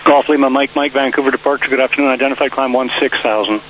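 A man's voice: medium pitch, fairly even intonation, very fast. A man working as an air traffic controller, giving clipped instructions over aviation radio. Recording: tinny narrowband radio, hissing static.

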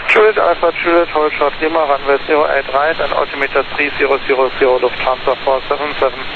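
A male airline pilot speaking over a cockpit radio headset, reading back instructions to air traffic control in clipped, rapid phrases. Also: mid-range voice, steady tone. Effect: pilot transmitting over a cockpit radio headset. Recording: narrow lo-fi radio band with static hiss.

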